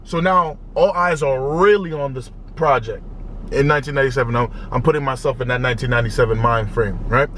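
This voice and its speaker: A young man hosting a music reaction video, talking casually and excitedly in slangy, repetitive bursts. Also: medium pitch, quick pace, slight background noise. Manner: excitable, loud, slangy, repeats himself.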